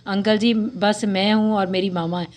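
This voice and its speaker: A woman's voice: mid-range voice, steady tone, normal speed, a little mellow, a little hiss or hum, close to an everyday voice. A bubbly, teasing young girl from a storybook novel, as a woman reader voices her. She chatters on in a cheeky, playful way. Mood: chirpy.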